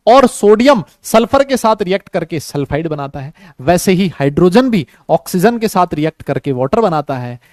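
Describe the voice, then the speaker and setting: Man, chemistry teacher, high voice, unhurried, dry close sound, quizzes students. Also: no echo. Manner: relaxed, talks slowly, mixes Hindi and English, quizzes students. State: has a headache. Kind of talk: online class lecture.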